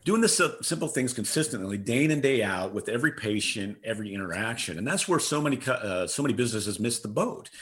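A man's voice: lowish voice, expressive, quick pace, hardly any pauses, a bit bright. A middle-aged man answering interview questions as a guest, earnest and emphatic, repeating his key phrases. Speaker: interview guest, customer service consultant.

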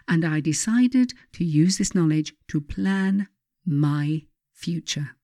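A woman with a dark, medium-pitched voice reads her own self-help writing as scripted narration, measured, emphatic, and instructive. The studio recording is clean, with no room sound.

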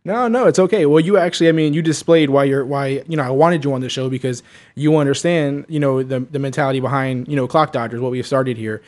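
A man's voice: medium pitch, quick pace, a little mellow. A man hosting a casual interview, asking rambling questions full of fillers. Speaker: podcast host.

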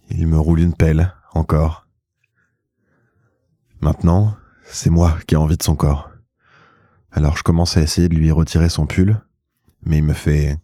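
A man narrating an intimate first-person story slowly and in a hushed, measured way, close to the mic. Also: extremely low pitch, dry recording. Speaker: podcast host and narrator.

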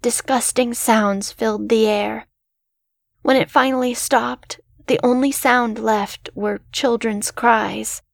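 Slow, gravelly woman narrator. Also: fairly high pitch, steady tone, no echo, studio quality. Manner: slow, measured storytelling. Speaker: horror story narrator. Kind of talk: scripted narration.

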